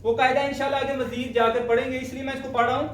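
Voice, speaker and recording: A man teaching the correct pronunciation of Quran letters, speaking slowly and deliberately and repeating each sound to demonstrate it. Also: very high-pitched, level tone. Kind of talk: spoken lesson on letter pronunciation. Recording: echoey room, voice far from mic.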